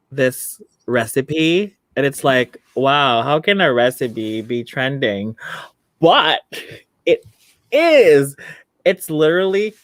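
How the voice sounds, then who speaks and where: A man's voice: fairly high pitch, a bit bright, no room sound. A young adult drag queen co-hosting a live chat show, chatty and gushing, laughing often.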